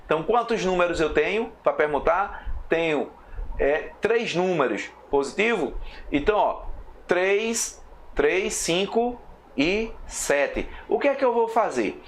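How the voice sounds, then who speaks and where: A man's voice: high-pitched, animated, slight background noise. Man teaching math step by step. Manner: explains step by step, counting slowly, checks in with "ok?" and "tá?". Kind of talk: recorded math video lesson.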